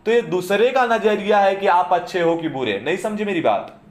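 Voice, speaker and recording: A man's voice: high-pitched, animated, normal speed. Lecturing man in an echoey classroom. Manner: keeps asking students "समझे?" to check understanding. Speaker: teacher.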